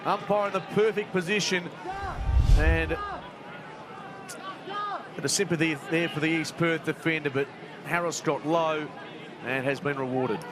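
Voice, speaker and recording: A man's voice: fairly high pitch, steady tone, measured pace, pauses often. An Australian male play-by-play commentator calling live football in short, clipped phrases. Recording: loud crowd and noise behind commentary. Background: loud crowd at outdoor ground.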